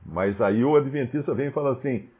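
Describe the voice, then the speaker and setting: A man giving casual, animated Bible commentary, firing off rhetorical questions. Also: mid-range voice, a little fast. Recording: dull lo-fi recording.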